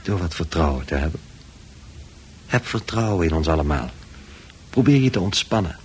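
An actor in a noisy old radio play recording portrays a calm, authoritative psychiatrist soothing a patient. His low voice stays calm and firm, measured and reassuring, at times hypnotically slow.

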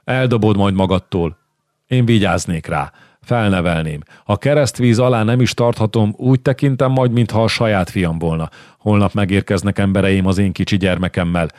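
A man voicing a sinister, mock-courteous blind prince in an audiobook, low and sly. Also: darkish tone, dry recording, clean studio sound, natural voice. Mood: coaxing. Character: sinister blind male prince, smooth and menacing. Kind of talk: audiobook character reading.

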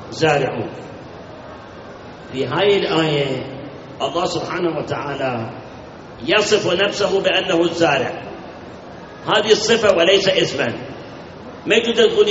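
Man preaching, high pitched, emphatic, repeats words, asks the crowd questions; distant mic, echoey hall, lo-fi. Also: fairly bright tone, slight background noise. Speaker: cleric. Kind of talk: sermon.

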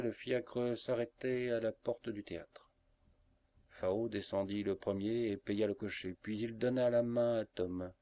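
A man narrating a classic novel in a measured, expressive way. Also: fairly low pitch, no room sound. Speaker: audiobook narrator. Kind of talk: scripted narration.

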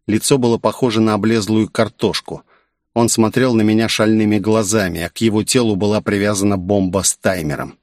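A man's voice: on the low side, fairly even intonation, brisk, darkish tone, dry recording, clean studio sound. A man narrating a first-person audiobook in a cool, sardonic manner.

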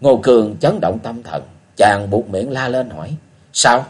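A man narrating a martial arts novel as an expressive audiobook reader. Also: on the low side, moderate pace, breathy edge. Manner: expressive storytelling, acting out characters. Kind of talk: scripted narration.

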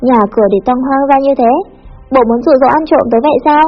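A woman with a high voice reads a first-person story in a lively, chatty manner, moving quickly. The recording is a bit muffled, with soft music playing underneath. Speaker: audiobook narrator.

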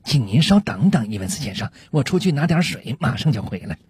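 Gentle courteous male doctor, soft-spoken, lively pitch, played by a man. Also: a little fast, breathy edge, no echo, clean studio sound.

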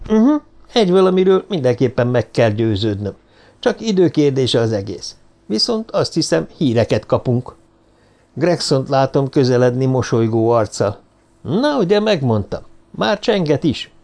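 A man voicing a sharp, coolly ironic male detective in an audiobook reading, with brisk, clipped commands and dry remarks. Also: mid-range voice, big pitch swings, creaky.

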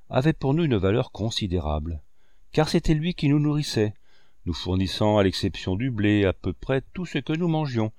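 Male audiobook narrator, low voice, dry close sound, measured expressive reading. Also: no echo. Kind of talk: scripted narration of a classic novel.

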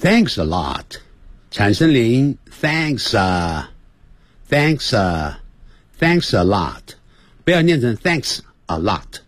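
A man hosting a radio language lesson, speaking slowly and drilling each phrase over and over. His voice is a little husky, his pitch swings widely, and he jokes with his listeners as he goes. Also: dry recording. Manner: animated, drills pronunciation by repeating phrases. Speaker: English teacher on radio.

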